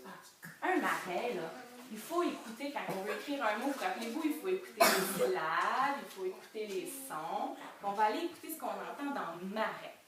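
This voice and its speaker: A woman's voice: mid-range voice, normal speed, a crowd in the background. A young woman with a Québécois French accent, reading a picture book to preschoolers and coaxing them with questions. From Quebec. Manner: animated, coaxing, asks children questions. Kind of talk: interactive storybook reading to small children. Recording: echoey room from far off, noisy.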